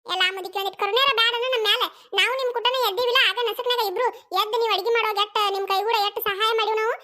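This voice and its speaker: Woman doing a young village daughter-in-law, cartoon, North Karnataka accent, complaining, high bright voice. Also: fairly even intonation. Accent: North Karnataka Kannada. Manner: complaining, quick retorts.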